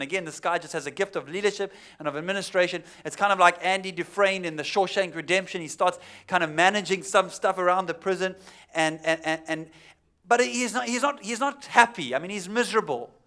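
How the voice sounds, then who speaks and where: South african guy preaching, pretty high voice, chatty storytelling, goes quiet on the heavy bits. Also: quick pace. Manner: conversational storytelling with dramatic drops to a hush. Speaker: pastor. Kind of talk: sermon.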